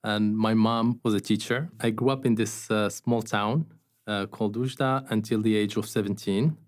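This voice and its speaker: A man from Morocco, a company founder, talking in a relaxed interview and telling stories with fillers and restarts. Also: on the low side, moderate pace. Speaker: guest, startup founder. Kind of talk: casual interview conversation.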